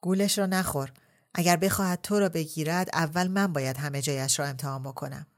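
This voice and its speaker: A cocky, flirtatious middle-aged official, read by a woman in a low voice. He teases and jokes crudely, the way a storybook character boasts across a lunch table. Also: lightly acted. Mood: teasing. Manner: teasing, crude.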